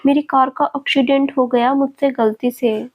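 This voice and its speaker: Brief: woman doing a coaxing young daughter, high and flat-toned, storybook. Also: normal speed, highs cut off. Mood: pleading.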